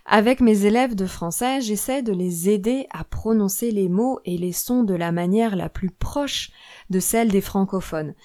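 A woman hosts a podcast lesson for learners of French. She speaks in a clear, measured, explanatory way, with her voice at an ordinary middle pitch. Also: mellow. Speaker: French teacher and podcast host.

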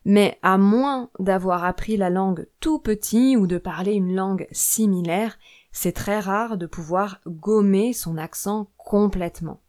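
Clear-spoken French teacher woman. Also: mid-range voice, a little mellow. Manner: clear, measured and explanatory. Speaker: French teacher and podcast host. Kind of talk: scripted podcast lesson.

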